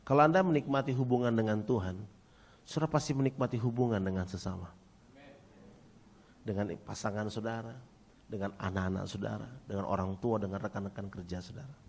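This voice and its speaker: A male pastor preaching a sermon, talking straight to the congregation and calling for their replies, swinging from near-shouts down to quiet, low passages. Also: fairly even intonation, fairly quick. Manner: emphatic preaching, rising to near-shouts, then dropping quiet; addresses congregation directly, asks for replies.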